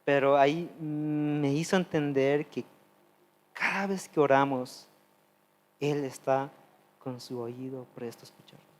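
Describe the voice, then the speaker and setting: A man preaching a testimonial sermon, earnest and confessional, moving between loud pleading and soft, low asides. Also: measured pace, long pauses.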